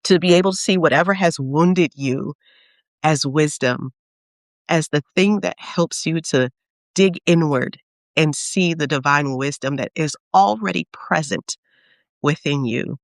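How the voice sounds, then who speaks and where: Slow, earnest woman sharing spiritual reflections. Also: deep voice, dry recording, clean studio sound. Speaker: author and program leader. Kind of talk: heartfelt spiritual talk.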